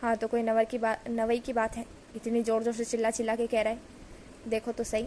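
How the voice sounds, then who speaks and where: A woman reads a swaggering young man who mocks his lovesick brother. He brags in a high voice and stumbles over his words when he is pressed. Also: completely flat delivery, a little fast, dark tone, slight background noise, close to an everyday voice. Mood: boastful. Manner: boastful, stammering when cornered. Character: cocky young man, teasing older brother.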